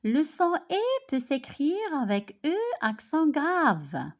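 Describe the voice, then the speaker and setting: A woman teaching French pronunciation, who says each word clearly and deliberately and repeats it, as in a spoken language lesson. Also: sits high, wildly swooping pitch.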